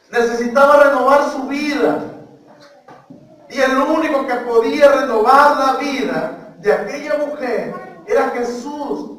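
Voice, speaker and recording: A man's voice: very high-pitched, a bit bright. A man with a Mexican Spanish accent preaching a fervent sermon in a church, repeatedly calling the listeners brothers. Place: church hall. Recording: echoey church hall, mic far off.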